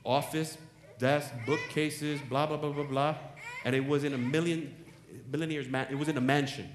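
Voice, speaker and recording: A male pastor delivers a lively, story-driven sermon, laughing along the way and acting out the people in his stories. His voice sits a little higher than most men's. It rings through a large, echoing church sanctuary. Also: brisk, a little hiss or hum.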